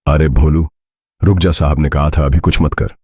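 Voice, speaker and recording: A man voicing a nervous male henchman who urges caution anxiously, in a husky low voice. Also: fairly even intonation, moderate pace, dark tone, no echo.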